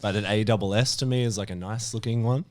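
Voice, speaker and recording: Low-voiced punk musician. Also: male voice, fairly even intonation, fast talker. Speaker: punk band member. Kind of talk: casual chat.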